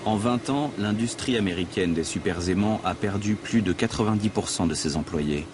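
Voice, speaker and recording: A man narrating a documentary in a measured, dramatic scripted voice-over. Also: lowish voice, noisy background. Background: music.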